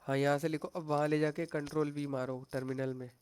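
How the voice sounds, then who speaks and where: Young male coding instructor, fairly high voice, patient and reassuring, live class over a call mic. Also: little pitch movement, a little fast, a little mellow, clear, resonant tone. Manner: patient, reassuring, mixes English tech words into Hindi.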